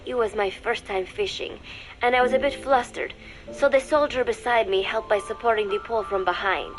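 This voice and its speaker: Woman doing a young spy girl faking sweet schoolgirl, cold and calculating, reads her diary all dry and measured, soft music way back. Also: fairly high pitch, close to an everyday voice, poor audio. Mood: calm. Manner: cool, measured, quietly sardonic. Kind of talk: diary narration in a game.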